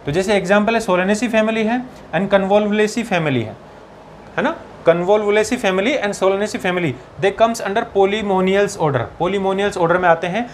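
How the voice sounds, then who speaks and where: Guy teaching biology, fairly high voice, slows way down for the textbook lines, keeps checking in with "ok na", faint hiss behind. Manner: slows down to dictate English textbook lines, keeps asking "ठीक है ना". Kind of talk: exam-prep lecture, Hindi mixed with English.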